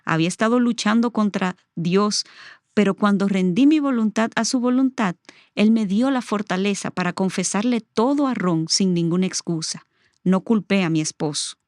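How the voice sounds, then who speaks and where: A woman's voice: medium pitch, normal speed, darkish tone, dry recording, clean studio sound. Earnest woman sharing a personal testimony. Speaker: interview guest.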